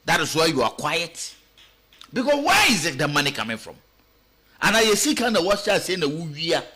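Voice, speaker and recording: Ghanaian male pundit, fairly high bright voice, radio talk show commentary, animated and questioning. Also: normal speed, slightly rough. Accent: Ghanaian English with Twi. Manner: animated, rhetorical questions, mixing English and Twi. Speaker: political commentator.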